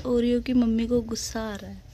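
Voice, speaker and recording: A woman's voice: a little high, steady tone, brisk, warm tone. A woman with a Pahari Hindi accent filming a casual home vlog and talking in a playful, sing-song way to a pet. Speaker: vlogger. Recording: background noise.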